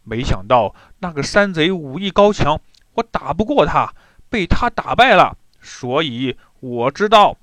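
A man's voice: fairly high pitch, very animated, measured pace, fairly bright tone, no room sound. A man voicing an earnest general who warns urgently of danger. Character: worried earnest male army general.

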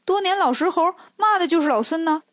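A woman voicing a boastful, quick-tempered male monkey king disciple who talks in a mocking, brash way. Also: very high voice, lively intonation, a bit bright, no room sound, voice pushed up. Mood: scornful.

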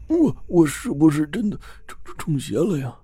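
A dazed, stammering miner gabbles in a high, wildly swinging voice, as a storyteller puts him on. The tone stays husky and mellow. It sounds like a told ghost story. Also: male voice, moderate pace, no echo, studio quality, exaggerated voice. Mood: frightened. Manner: stammering, excited chatter. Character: bewildered middle-aged male miner, stammering, deluded.

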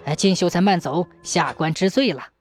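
A woman's voice: fairly high pitch, animated, normal speed, soft background music, lightly acted. A woman voicing a pompous, hot-tempered male county magistrate in a folk tale, blustering and sneering. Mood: cowed.

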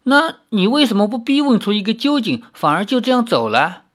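A man voicing a hot-tempered, sharp-tongued young woman in a read-aloud novel, pitched up high. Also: very animated, fairly quick. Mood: puzzled.

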